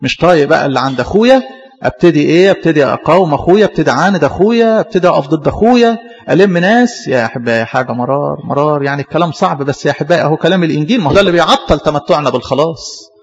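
A man with an Egyptian accent, a pastor, preaching a sermon in a quick, repetitive style full of rhetorical questions. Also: a little high, big-room sound, dull audio. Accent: Egyptian Arabic. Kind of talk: Coptic church sermon.

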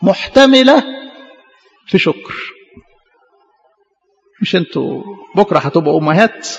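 Egyptian priest sermon: high gravelly voice, earnest and repetitive, dull recording with long hall reverb. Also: male voice, very animated, normal speed. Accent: Egyptian Arabic. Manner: earnest, repeats phrases for emphasis.

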